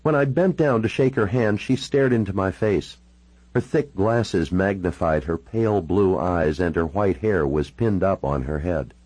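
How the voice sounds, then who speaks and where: A man's voice: sits low, a little slow, a little mellow, no room sound, low-quality recording. A man narrating a novel in the first person, with dry, wry asides. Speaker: audiobook narrator.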